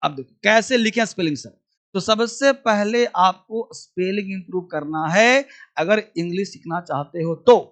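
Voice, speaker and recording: Fondly calling his students children, a man teaches a demo class on English spelling, working through each sound by repeating words several times and throwing quick questions their way. His voice sits high with a fairly bright tone.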